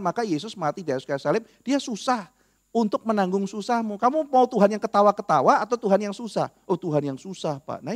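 A man giving a casual, animated classroom lecture on apologetics, talking straight to his listeners. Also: high-pitched. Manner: animated, conversational, addresses listeners directly.

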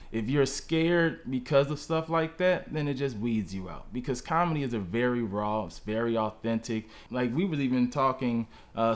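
A man in his thirties, a stand-up comedian, speaking earnestly in a documentary interview. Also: medium pitch. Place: room with brick wall.

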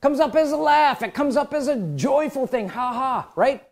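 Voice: sits high, normal speed, gravelly. A preacher delivering a sermon, often stopping to ask the congregation questions. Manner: animated, calls out questions to the congregation.

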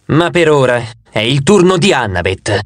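A man's voice: medium pitch, very animated, normal speed, dry recording, lightly acted. A man reading an audiobook, voicing the gleeful, teasing face of a two-faced male god.

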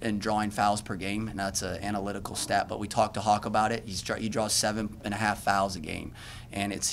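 Man, 30s, coach at a podium mic. Low-pitched, earnest, trips over and restarts lines, faint hiss behind. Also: vocal fry. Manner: earnest, self-correcting, many restarts. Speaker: basketball coach. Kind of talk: postgame press conference answers. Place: press room at a podium.

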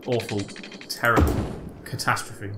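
A man's voice: on the low side, flat delivery, a little slow, over loud music. A young British man joking around while playing a city-building game with a friend. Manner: joking, playful, banters. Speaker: let's play co-host. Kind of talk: casual gameplay commentary. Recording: noisy home recording.

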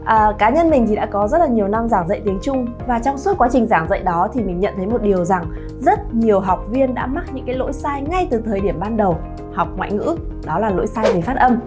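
A woman in her thirties teaching pronunciation to her viewers, lively and drawing out sounds to model them. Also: fairly high pitch, brisk, music in the background. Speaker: Chinese teacher, channel founder. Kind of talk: pronunciation lesson to camera.

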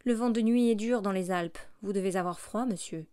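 A woman reading a kind, gentle older male bishop who speaks softly and calmly in an audiobook. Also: mid-range voice, fairly quick, smooth, no room sound, studio quality, natural voice. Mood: gentle, welcoming.

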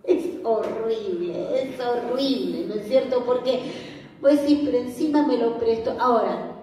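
A woman's voice: on the high side, measured pace, a crowd in the background. A woman pastor with a Rioplatense Argentine accent, preaching a sermon in a conversational way and asking her listeners questions. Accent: Rioplatense Spanish. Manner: conversational, asks the audience questions. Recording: echoey room, voice from far off.

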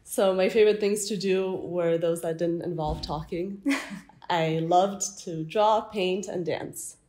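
Low-voiced young woman telling her story. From France. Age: young adult. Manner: relaxed storytelling with light laughs. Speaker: artist guest. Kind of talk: interview answers. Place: art gallery, indoors.

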